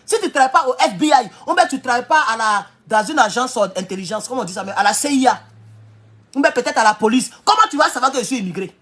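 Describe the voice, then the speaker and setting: Guy ranting about politics, husky voice, pitch jumps all over, repeats his questions, yells now and then. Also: animated, fast talker. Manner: emphatic, repeats rhetorical questions, bursts into shouting. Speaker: political commentator. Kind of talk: heated political monologue.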